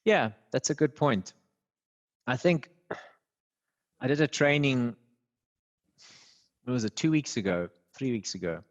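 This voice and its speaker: A man who is a voice actor and communication trainer, explaining vocal tips with animated emphasis in an interview. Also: mid-range voice, a little slow, pauses often, highs cut off. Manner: explanatory, animated, laughs easily. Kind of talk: conversational interview.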